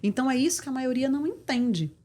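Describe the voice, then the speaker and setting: Brazilian woman, middle-aged, emphatic teaching guest, pitched a touch high. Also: lively intonation, fast talker, a little mellow. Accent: Brazilian Portuguese. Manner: assertive, didactic, emphatic delivery. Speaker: guest, communication mentor. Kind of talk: interview, explaining with examples.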